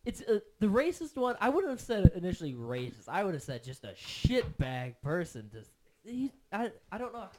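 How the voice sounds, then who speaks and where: A man talks hesitantly in casual podcast banter, his pitch jumping up and down as he restarts. A faint hiss sits behind him. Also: wildly swooping pitch. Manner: hesitant, halting. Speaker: podcast co-host.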